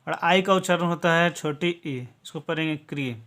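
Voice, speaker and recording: Speaking at a normal speed, this man from Bihar, India, has a fairly high, fairly bright voice with fairly even intonation. He walks viewers through English lessons patiently, point by point, tagging almost every line with "okay?".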